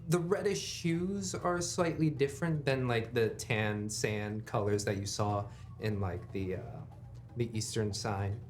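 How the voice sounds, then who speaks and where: A game master improvising narration for a tabletop role-playing game, haltingly and thinking aloud. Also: sits low, a little mellow.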